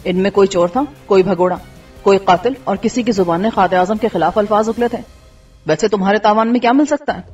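A woman voicing a mocking male army commander with a gruff, lowered voice in a storybook narration. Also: darkish tone, natural voice. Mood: scornful. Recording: dull distant recording with faint music.

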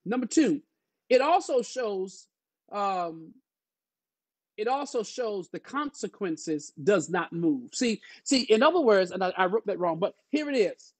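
Preacher, Bible study sermon, raspy voice, dry sound, repeats phrases, exhorts listeners. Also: mid-range voice, very animated, measured pace, no echo. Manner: frequent "uh" fillers, folksy phrasing.

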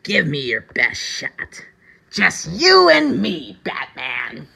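A woman voicing a manic, taunting male comic-book villain clown, theatrical and raspy, with drawn-out, swooping delivery. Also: low-pitched, huge pitch swings, sharp tone, full character voice. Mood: taunting showman. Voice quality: raspy, strained. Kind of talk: amateur audition reading of video game villain lines.

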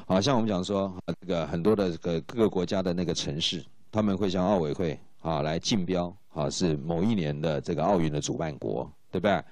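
A man's voice: low-pitched, a little fast, few pauses, a little mellow, dry recording. A man teaching English to exam students, explaining in Mandarin with English phrases and often checking if students follow. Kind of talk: exam-prep lecture.

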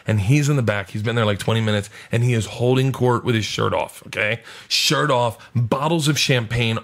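A man telling a wild story on a podcast, animated and profane, laughing often. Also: mid-range voice, normal speed, creaky. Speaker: guest comedian.

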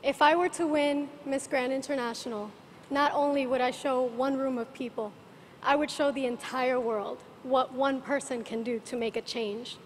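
A woman's voice: high-pitched, fairly even intonation, moderate pace. A woman in her twenties from Cuba giving an earnest stage speech as a pageant contestant. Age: 20s. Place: large auditorium stage. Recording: echoing hall, slight noise.

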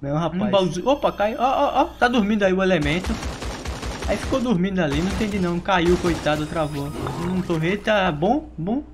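A man's voice: high voice, lively intonation, brisk, over music. A man giving chatty, teasing live commentary over his own gameplay, laughing often. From Brazil. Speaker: gaming YouTuber.

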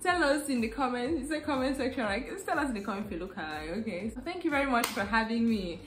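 Lively Nigerian woman tutor, echoey room. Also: fairly high pitch, fast. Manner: lively, encouraging, patient explaining. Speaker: language tutor guest. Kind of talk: casual teaching chat.

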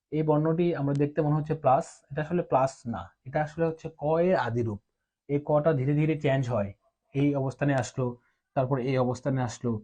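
A man teaching a class, explaining step by step with patient pauses and hesitations. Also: fairly high pitch, dark tone. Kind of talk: explaining at a board. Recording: dull lo-fi recording.

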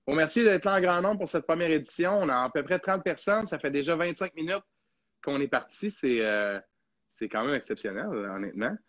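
A man's voice: on the high side, animated, fairly quick, fairly bright tone, dry recording, lo-fi sound. A young man with a Québécois French accent hosting a casual live podcast, chatty and rambling with lots of fillers. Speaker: podcast host.

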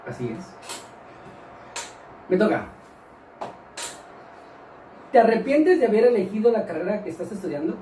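A man's voice: high-pitched, big pitch swings, moderate pace, long pauses, dark tone. A man in his thirties with a Mexican accent, chatting casually in questions and answers. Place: indoors, small bare-walled room. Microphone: camera a couple of metres away. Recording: echoey room, distant mic, faint noise.

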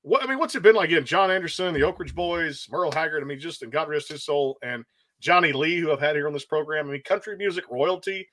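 A man with a fairly high-pitched voice hosts an interview. He asks long, rambling questions full of fillers. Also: fast talker, a bit bright, a little hiss or hum. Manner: rambling, with many fillers and back-channel mm-hmms. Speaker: host.

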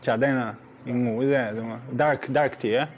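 A man with a foreign accent chatting casually in halting, broken Vietnamese, searching for and repeating words. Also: medium pitch, steady tone, highs cut off. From outside Vietnam, a foreigner. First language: not Vietnamese. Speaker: vlogger. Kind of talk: casual chat with strangers. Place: inside a restaurant. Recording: busy eatery chatter around the voice. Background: crowd chatter.

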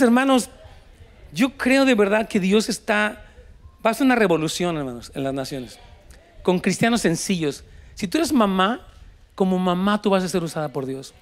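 A man's voice: sits high, lively intonation, brisk. A man with a Mexican Spanish accent preaching a sermon, telling a story and then exhorting his congregation, slipping between Spanish and English. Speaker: pastor.

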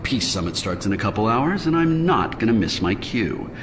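An actor playing a vain, smug villain in a video game, monologuing with slow theatrical menace. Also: male voice, on the low side, big pitch swings, noisy background. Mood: smug, dismissive.

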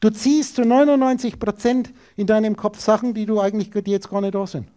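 A man holds forth in a lecture, firing rhetorical questions straight at his listeners. His voice sits high for a man yet sounds mellow and soft-edged. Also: steady tone, brisk. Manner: emphatic, rhetorical, addresses listeners directly. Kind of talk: esoteric lecture to an audience.

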